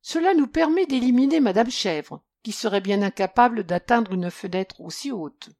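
A woman voicing a clever young male detective prince in a storybook reading, calm and inquisitive. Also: on the high side, normal speed, dry recording, studio quality.

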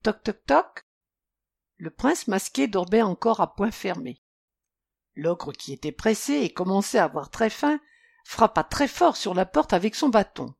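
A woman reading a children's story aloud, expressive and measured. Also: mid-range voice, gravelly, no room sound, studio quality.

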